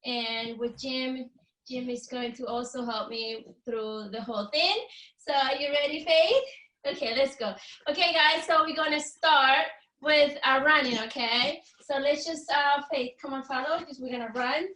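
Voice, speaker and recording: A woman gymnastics coach leading a live warm-up, calling out short, repeated cues and counts with words of encouragement. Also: sits high, moderate pace. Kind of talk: live exercise instruction. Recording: roomy echo, distant mic, faint music.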